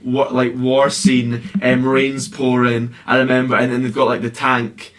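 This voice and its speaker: A man's voice: mid-range voice, completely flat delivery, unhurried, a bit bright. A young man with a Scottish accent, chatting casually about films as a podcast host. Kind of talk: casual film chat.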